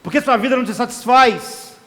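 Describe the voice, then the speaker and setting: Man, preacher, impassioned sermon, very high voice, long hall reverb. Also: fairly quick, bright, forceful tone. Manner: impassioned, acts out inner voices of desire.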